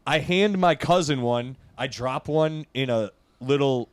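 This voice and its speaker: A man's voice: medium pitch, a little slow, smooth, dry recording. A young man co-hosting a podcast, telling long rambling anecdotes in casual chat and laughing mid-sentence. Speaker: podcast co-host.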